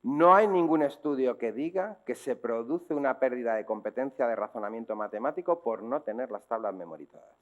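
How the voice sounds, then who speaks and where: Spanish man lecturing teachers and parents, didactic, mid-pitched, keeps checking in with the audience. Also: animated, a little fast. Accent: Spanish from Spain. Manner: didactic, checks in with rhetorical questions. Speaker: speaker on dyslexia. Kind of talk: public talk to teachers and parents.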